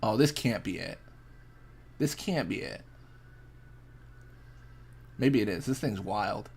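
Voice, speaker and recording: A man's voice: lowish voice, expressive, slow pace, creaky, darkish tone, husky. A young man casually chatting and reacting while streaming a fishing game, laid-back and rambling as he answers chat.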